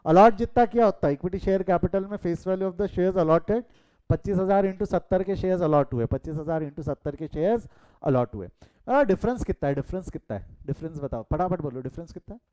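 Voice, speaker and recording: A middle-aged commerce teacher, Indian-accented, teaches a live online session in a smooth, mellow voice that leans slightly high. Hindi and English alternate in his speech as he questions students and drifts into conversational tangents. He is recorded up close on a call microphone.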